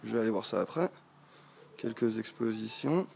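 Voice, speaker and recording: A man's voice: fairly low pitch, expressive, normal speed, vocal fry, a little mellow, slight background noise. A man from France, a travel vlogger, chatting casually to a handheld camera as he walks through a village street, rambling and often hesitating. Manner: talking while walking.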